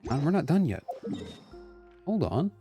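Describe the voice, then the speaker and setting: Over background game music, a man chats with his stream viewers in a casual, playful way, frequently exclaiming. His voice sits on the high side and is creaky and warm, with big pitch swings at a moderate pace.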